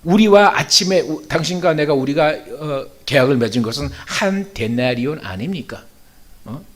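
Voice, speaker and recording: A preacher playing a soft-spoken generous vineyard owner. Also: male voice, expressive. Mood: calmly reasoning. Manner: soft, low, measured and reasoning. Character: calm, generous male vineyard owner answering grumblers.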